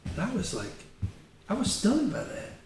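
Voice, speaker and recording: A man's voice: very high-pitched, normal speed. Rambling older man in echoey room. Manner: rambling anecdotal storyteller, animated. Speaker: guest, retired county attorney. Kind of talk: casual interview chat. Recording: echoey room, distant mic, faint noise.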